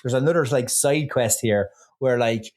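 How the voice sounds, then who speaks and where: A man's voice: mid-range voice, moderate pace, a little mellow. A man co-hosting a casual podcast, retelling a story in a rambling way, full of swearing and restarts. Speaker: podcast co-host.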